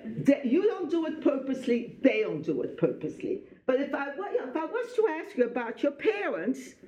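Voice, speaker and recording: Her voice is a little high and slightly mellow as this guest speaker, a Belgian-born woman in her late sixties who survived the Holocaust, recounts her life to a school audience. She talks straight to the students in a loose, digressive way. The echo of the room leaves the sound dull and muffled.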